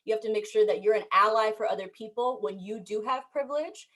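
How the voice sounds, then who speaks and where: A young woman from the United States, speaking as a panelist and telling her story in an animated, emphatic way. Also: medium pitch, fast. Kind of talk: panel discussion.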